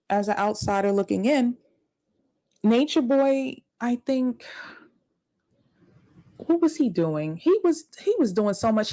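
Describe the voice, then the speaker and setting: A woman's voice: mid-range voice, a little mellow, poor audio. Indignant woman commentator. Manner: indignant, repeats words for emphasis. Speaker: commentary YouTuber. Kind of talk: casual commentary.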